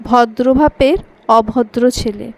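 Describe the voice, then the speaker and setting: Woman doing a sassy young woman, mocking and dismissive, higher voice. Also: slow pace, darkish tone. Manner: teasing, dismissive.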